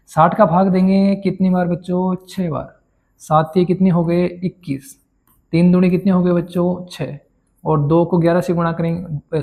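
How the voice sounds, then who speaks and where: A man's voice: on the high side, dark tone. A man teaching a maths lesson, who keeps asking his students questions and then answers them himself. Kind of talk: classroom-style maths lesson.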